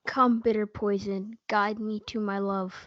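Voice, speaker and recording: A woman's voice: mid-range voice, flat delivery, unhurried, fairly bright tone, dry recording, lightly acted. A female student playing Romeo, a grieving, defiant young lover, in a school reader's theatre performance. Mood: tender sorrow. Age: young teen or student. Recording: dull lo-fi audio.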